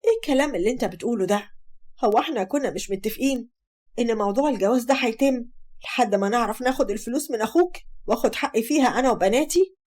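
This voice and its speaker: A woman's voice: a little high, expressive, very fast, a little mellow. A woman with an Egyptian accent voicing a harsh, scheming mother who scolds sharply. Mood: angry. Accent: Egyptian Arabic.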